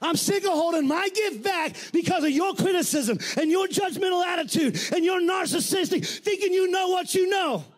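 A middle-aged man preaching a sermon as pastor, blunt and colloquial, often shouting. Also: very high-pitched, expressive, moderate pace, hardly any pauses.

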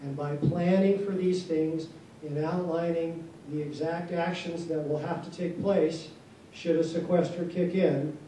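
A man leading a town hall meeting as base commander, answering questions in a measured, formal, plainspoken way before a seated audience. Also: a little high, fairly even intonation, warm tone. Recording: echoey hall from far off, faint noise.

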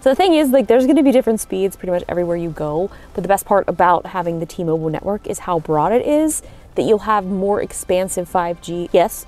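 A woman's voice: mid-range voice, darkish tone. A woman in her thirties casually vlogging on the road, bubbly and playful, filmed on a handheld phone outdoors and in a car. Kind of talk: casual vlog. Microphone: handheld phone camera.

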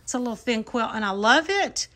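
Moving between the bedroom, bathroom and other rooms, a woman chats in her home and cleaning vlog, rambling and fixing her words as she goes. She speaks briskly in a fairly high, sing-song voice that sounds pushed and bright.

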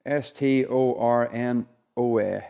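A man of about forty hosts a live draw in an informal, chatty way. His voice sits at a medium pitch, heard a few feet from a phone camera indoors. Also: steady tone, measured pace, vocal fry, mellow, clean tone. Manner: chatty, colloquial. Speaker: competition draw host. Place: indoor showroom unit with a car and screen.

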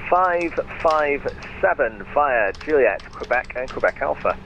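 A man working as an air traffic controller, talking in measured, polite radio phraseology over a radio transmission with static bursts. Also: medium pitch, animated, creaky, fairly bright tone. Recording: muffled radio with faint hiss.

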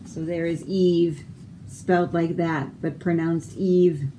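A woman teacher reading a picture book aloud to young children, explaining each word slowly and carefully. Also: on the low side, little pitch movement, warm tone, a little hiss or hum. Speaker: elementary school teacher.

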